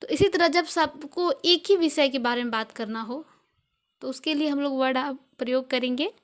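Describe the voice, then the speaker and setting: A woman's voice: sits high, normal speed. A young Indian woman teaching English grammar in a video lesson, patiently repeating each point with examples.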